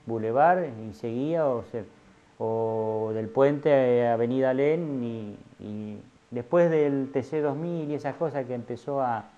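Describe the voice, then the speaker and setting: Speaking a little slowly in a mellow, medium-pitched voice, a middle-aged Argentine man from Santa Fe gives a casual interview about his life as a filete artisan. He fills his account with hesitations and false starts, and the recording is dull and lo-fi.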